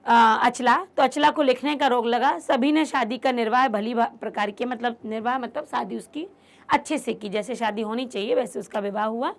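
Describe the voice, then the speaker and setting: A woman's voice: on the high side, normal speed, vocal fry. A woman teaching a literature lesson, restating each point in simpler words and putting questions to her students. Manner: explains by rephrasing terms in simpler words. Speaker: Hindi teacher. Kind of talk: online class lecture.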